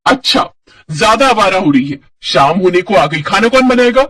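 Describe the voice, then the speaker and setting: Scolding bossy sister-in-law, a man acting her, husky high voice, distant mic. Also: moderate pace. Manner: scolding, yelling. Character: harsh bossy elder sister-in-law, shrill.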